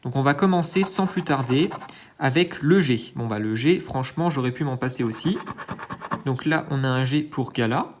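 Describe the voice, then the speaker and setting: Scratching lottery tickets on his own channel, a man with a medium-pitched voice talks at normal speed, thinking aloud hesitantly with self-mocking asides and plenty of filler sounds. There's background noise.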